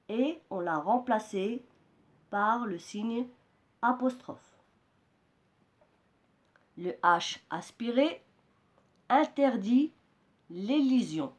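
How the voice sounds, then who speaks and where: A woman teacher slowly explaining pronunciation rules to her students, repeating key words. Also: mid-range voice. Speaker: French teacher. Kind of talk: slow classroom explanation.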